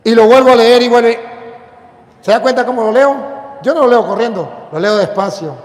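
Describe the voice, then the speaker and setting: Venezuelan priest giving a sermon, high voice, jokey, acts out voices, echoey church. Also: male voice, normal speed. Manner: playful preacher acting out voices and stories. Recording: echoey hall with long reverb.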